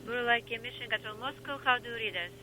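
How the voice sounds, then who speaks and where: Male crew voice, high, clipped radio callouts through a hissy, breaking-up space radio link. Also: quick pace. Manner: terse, flat readouts of numbers and commands. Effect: noisy, breaking-up space-to-ground radio link. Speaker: spacecraft crew and mission control on the radio loop. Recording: hissy radio downlink with hum.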